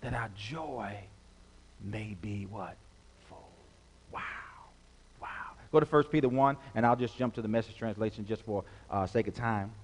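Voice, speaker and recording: A man's voice: fairly low pitch, normal speed. A man preaching a sermon as pastor, leading the congregation in call-and-response with repeated phrases and rising emphatic passages. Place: church sanctuary. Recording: long hall reverb.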